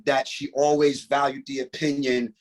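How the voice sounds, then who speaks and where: A man in casual podcast chat, telling animated stories and breaking into sung bits and dramatic readings. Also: mid-range voice, moderate pace. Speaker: podcast guest.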